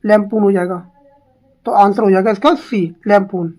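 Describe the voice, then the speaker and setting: A woman teaching an exam practice lesson, reading English questions out slowly and then explaining quickly in Hindi, repeating each answer and asking herself questions. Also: mid-range voice, steady tone, darkish tone.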